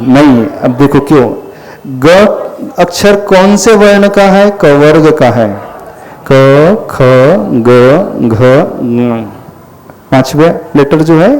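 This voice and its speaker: A man's voice: a little high, darkish tone. A man teaching the pronunciation of Sanskrit verses, patiently asking his listeners questions as he goes. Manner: slow, patient teacher who quizzes listeners. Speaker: Jain monk teaching recitation. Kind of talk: pronunciation lesson.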